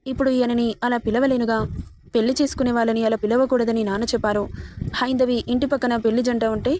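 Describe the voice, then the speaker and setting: A woman reading a romantic family story aloud in a steady storybook narration. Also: on the high side, fast, slight background noise.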